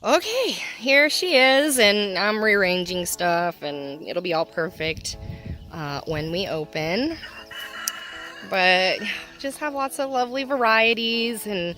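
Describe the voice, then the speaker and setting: A woman talks through a casual vlog from her homestead garden, rambling and emotional, with frequent laughter. Her voice sits at an ordinary middle pitch. Soft music plays faintly underneath. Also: animated, slow pace. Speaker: homestead nursery owner.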